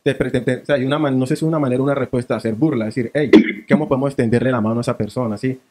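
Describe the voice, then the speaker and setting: A panelist with a San Andrés Archipelago accent talks at a brisk clip in a dark, mellow voice. He thinks aloud in short bursts, mixing Spanish with island creole English, and his pitch sits in a middling range. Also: fairly even intonation. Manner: rapid, searching speech that switches between Spanish and island creole English. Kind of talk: panel discussion.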